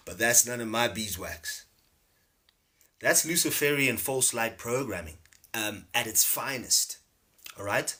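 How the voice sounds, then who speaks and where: A man teaching casually on a livestream, animated, repeating words and laughing often. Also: medium pitch, a little slow, pauses often. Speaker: spiritual teacher streaming live. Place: home livestream setup.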